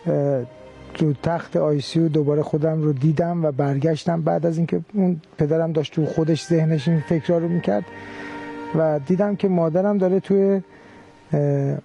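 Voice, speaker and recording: A man with a high yet very dark, gravelly voice tells his own story to an interviewer. He speaks in a measured, hesitant way, pausing often, with faint music beneath him. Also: steady tone, lo-fi sound. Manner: hesitant, measured, with many pauses and fillers. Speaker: guest recounting a near-death experience. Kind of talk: interview testimony.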